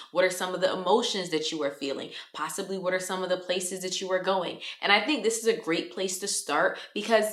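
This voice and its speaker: A woman in her twenties gives motivational self-improvement advice directly to her viewers in a chatty, direct way. Her voice is on the low side and a bit bright, with roomy echo around it.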